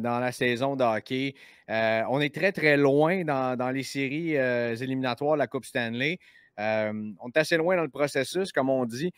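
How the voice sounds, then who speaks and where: A man with a Québécois French accent, hosting a casual chat show, lively and quick, with many fillers and restarts. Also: mid-range voice, smooth, no echo, studio quality. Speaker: podcast host.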